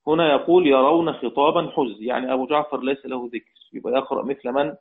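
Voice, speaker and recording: A man's voice: mid-range voice, fairly even intonation, quick pace. A man with an Egyptian accent teaching a lesson on Quranic readings, explaining step by step, putting questions to his class and repeating key phrases. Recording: tinny phone-like audio.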